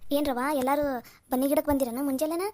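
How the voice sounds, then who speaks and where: A nosy older village woman, voiced by a woman with a North Karnataka Kannada accent, chatting and gossiping about family matters. Her voice is high. It sounds like a cartoon village scene. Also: fairly even intonation, fast, a little mellow, lightly acted. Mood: chatty. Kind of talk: cartoon voice acting.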